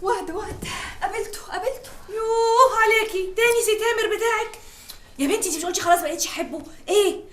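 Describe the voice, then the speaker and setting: A nosy Egyptian young woman firing off questions at a breakneck pace in a high voice. There is a roomy echo and a faint hiss behind her. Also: fast talker. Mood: impatient. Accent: Egyptian Arabic. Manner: nosy, impatient and teasing.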